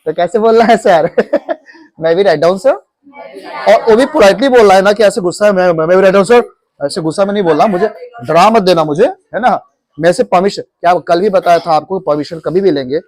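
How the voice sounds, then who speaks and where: A man's voice: high voice, moderate pace, darkish tone. A man teaching English phrases in a classroom, coaxing and repeating questions to his students.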